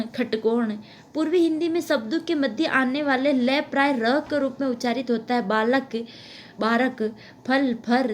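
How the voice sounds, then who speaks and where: High-voiced woman dictating a lecture. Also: darkish tone. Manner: slow, deliberate dictation with repeated example words. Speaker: teacher. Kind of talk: exam-prep lecture.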